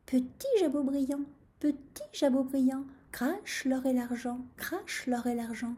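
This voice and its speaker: A woman voicing a cheeky, stubborn little rooster in a storybook reading, chanting in a shrill, drawn-out way. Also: warm tone.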